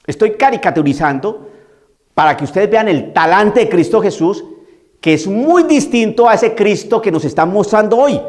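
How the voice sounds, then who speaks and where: Priest preaching a homily, high voice for a man, keeps hammering the same point. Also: expressive, moderate pace. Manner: emphatic, repetitive, rhetorical questions.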